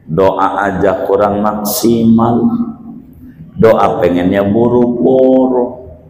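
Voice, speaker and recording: A man preaching a sermon in a Betawi accent, folksy and slow, with sudden shouted peaks. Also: lowish voice, slight background noise. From Indonesia. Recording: echoey hall, roomy reverb.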